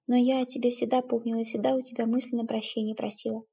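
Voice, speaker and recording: A woman reading the part of a middle-aged stepmother who speaks in a halting, tearful, self-reproaching way. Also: on the high side, little pitch movement, creaky, dark tone, breathy edge. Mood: guilty, tearful.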